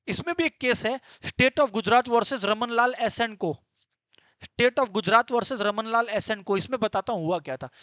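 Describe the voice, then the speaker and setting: High-pitched energetic male law teacher. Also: no room sound. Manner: energetic, repeats points, quizzes students. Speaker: commerce teacher. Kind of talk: live online law lecture.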